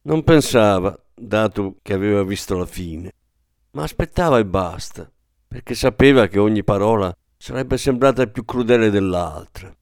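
A man giving calm, measured scripted narration of a literary story as an audiobook narrator. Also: fairly low pitch, clear, resonant tone, no echo, clean studio sound.

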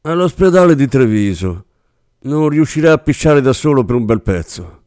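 A man playing a tough, street-raised man who speaks harshly and shouts in anger, in an audiobook reading. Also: medium pitch, very animated, normal speed, no room sound, studio quality, voice pushed up, natural voice. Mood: hard.

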